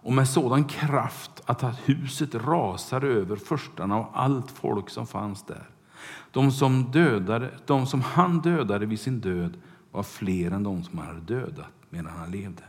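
A man preaching a sermon, retelling a Bible story with loud bursts and hushed asides. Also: medium pitch, animated. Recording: long hall reverb.

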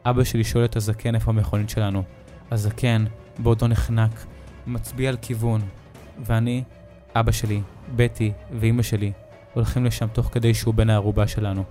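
Man narrating a horror story in a dark voice. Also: on the low side, soft background music. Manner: steady, measured first-person storytelling.

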